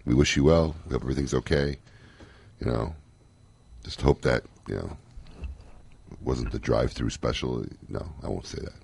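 A man's voice: very deep voice, moderate pace, gravelly, pauses often, darkish tone, husky. A man in his thirties from Chicago hosting a casual radio show, joking and interviewing with plenty of fillers.

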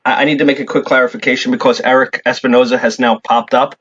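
A man's voice: medium pitch, flat delivery, fast talker, a bit bright, slightly rough. A man with a mid-range voice joins a casual radio chat, wry and jokingly defensive as he sets the record straight. The sound is somewhat dull.

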